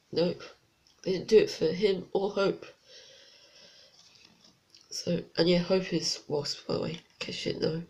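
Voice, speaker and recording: In this laid-back product review vlog, the speaker's nose sounds blocked as they chat about a toy set, drifting into hesitant, meandering tangents. Their voice sits at a medium pitch and has a somewhat dark quality.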